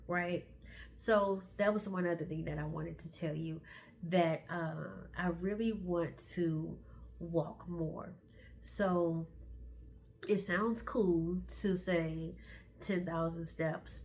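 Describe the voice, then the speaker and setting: A middle-aged woman with a mid-range voice hosts a motivational podcast, talking candidly to encourage her listeners. She speaks slowly and emphatically, and a slight hiss or hum sits under the recording.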